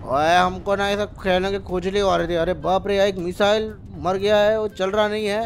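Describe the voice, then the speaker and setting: A young man commentating gameplay excitedly, full of loud exclamations. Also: high-pitched, normal speed, slight background noise. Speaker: gaming channel host.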